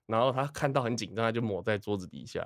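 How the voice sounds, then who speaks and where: A man in his thirties with a Taiwanese Mandarin accent, chatting on a podcast, telling a story with animated, laughing delivery. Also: fast talker, dry recording, clean studio sound. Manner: animated storytelling, acts out quotes in a high squeaky voice, laughs often. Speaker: podcast co-host. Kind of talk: casual chat.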